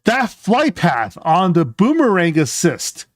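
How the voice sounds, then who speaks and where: A man's voice: sits high, huge pitch swings, slow pace, no room sound, studio quality. A man hosting a reaction video, giving casual, analytical game commentary as he thinks aloud.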